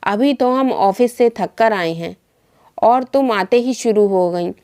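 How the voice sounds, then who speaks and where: A woman's voice: medium pitch, slow pace, warm tone, natural voice. A woman voicing two grown sons in a storybook tale, tired and impatient after work. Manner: impatient and brushing off. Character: tired grown sons back from the office, brusque.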